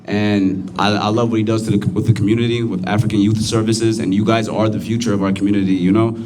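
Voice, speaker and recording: A man's voice: fairly low pitch, flat delivery, quick pace, darkish tone. A young American man speaking earnestly to a youth gathering as a recovery advocate, plain-spoken with fillers. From United States.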